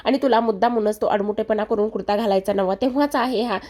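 A woman's voice: mid-range voice, fairly even intonation, quick pace, darkish tone, close to an everyday voice. A woman voicing a bold, quarrelsome young wife who teases and scolds her husband. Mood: scolding. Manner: scolding, argumentative.

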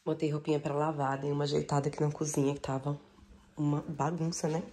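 A woman's voice: low voice, level tone, fast, mellow, a little hiss or hum. A woman chatting casually to camera, affectionate and laughing often, filmed in her car and at home. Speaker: vlogger and mother. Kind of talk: casual vlog chat.

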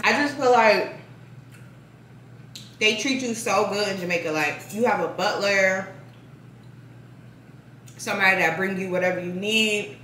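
This is casual mukbang chat from a young woman vlogger who eats while she talks and says "like" all the time. Her voice is medium in pitch and a bit bright. A far-off mic picks up an echoey room and slight background noise.

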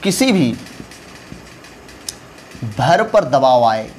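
A man's voice: medium pitch, very animated, extremely slow, darkish tone, slight background noise. A man lecturing as an English grammar teacher, mixing Hindi and English, stressing and repeating key terms as he drills his students.

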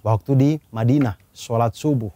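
A man's voice: medium pitch, moderate pace, mellow, no room sound. An Indonesian man in casual podcast chat, telling a firsthand story earnestly and acting out a scream he heard.

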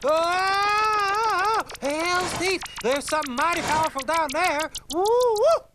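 A man's voice: extremely high pitch, animated, takes it slowly, very noisy, full character voice. A man voicing a brash, hammy young male gopher. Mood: excited.

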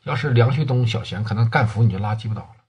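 A man's voice: medium pitch, racing, darkish tone, slightly rough. A man with a Northeastern Mandarin accent telling underworld tales in a colloquial, earthy way. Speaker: storyteller. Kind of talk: oral storytelling of underworld tales.

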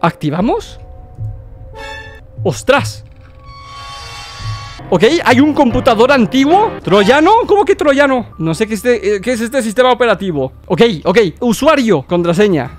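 A man giving excitable gameplay commentary, reading on-screen text aloud and shouting in alarm. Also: extremely high pitch, unhurried, pauses often, faint music behind. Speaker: gaming YouTuber.

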